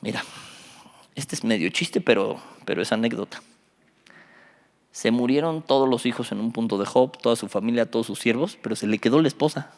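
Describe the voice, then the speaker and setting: A man, a youth pastor teaching a Bible study, animated and joking, quizzing his listeners. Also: medium pitch, fairly quick. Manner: animated, quizzes the audience, jokes. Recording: reverberant hall.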